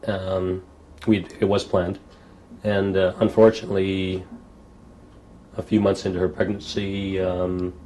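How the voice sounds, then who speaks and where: A man's voice: deep voice, little pitch movement, measured pace, pauses often, warm tone, a little hiss or hum. A man recounting his family history in an interview, plain and hesitant with fillers. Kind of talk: candid interview recollection.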